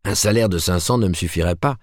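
A deep-voiced man plays an eager young writer from a storybook, lively and boastful about his prospects. The tone is low and close, with a dry, intimate sound. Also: normal speed, slightly rough, no echo. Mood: excited.

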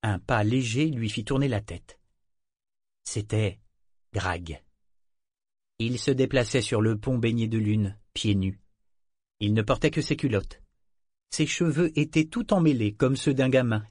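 A male audiobook narrator reading in a slow, measured and even manner. His voice sits at a middling pitch, recorded close and dry with no room sound. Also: dry recording. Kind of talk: scripted narration.

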